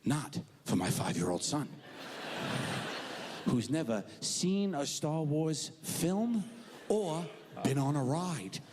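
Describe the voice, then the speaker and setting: A man's voice: on the high side, slow, noisy background. A middle-aged man performing stand-up comedy, telling a story and acting out the voices in it. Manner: animated, acts out voices in his story.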